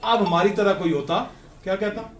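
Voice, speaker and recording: A man telling stories about poets and Sufis in an animated way, asking rhetorical questions and quoting elders in a softer voice. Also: high voice, normal speed, distant mic, slight background noise. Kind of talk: storytelling talk. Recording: echoey and set back from the mic.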